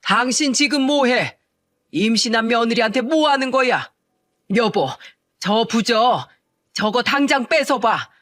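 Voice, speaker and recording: A woman voicing a stern older father-in-law in a spoken story, slow, loud and commanding. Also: fairly high pitch, lively intonation, no echo, studio quality, pitched above the performer's own voice. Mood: angry.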